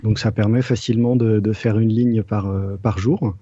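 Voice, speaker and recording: A man's voice: lowish voice, fairly even intonation, moderate pace, dark tone, breathy edge, no echo, highs cut off. A man co-hosting a casual podcast, explaining a topic step by step with frequent hesitations and repeated words. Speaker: podcast co-host.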